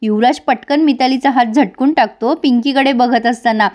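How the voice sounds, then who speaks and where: A woman with a high voice recaps a TV serial episode. She talks straight to her viewers, moving between narration and the characters' lines. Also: moderate pace, a little mellow. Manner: addresses viewers directly, switches between narration and dialogue. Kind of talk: retelling a TV serial episode, voicing all characters.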